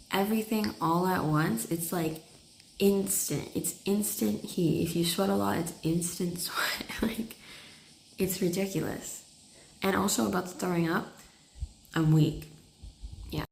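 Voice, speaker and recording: A woman's voice: on the low side, measured pace, gravelly, pauses often, darkish tone. A young woman from Canada with a groggy early-morning voice, narrating a travel vlog in a rambling, chatty way. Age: young adult. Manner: rambling, filler-heavy chatty explaining. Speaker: vlogger. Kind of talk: casual voice-over narration. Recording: roomy echo, faint noise.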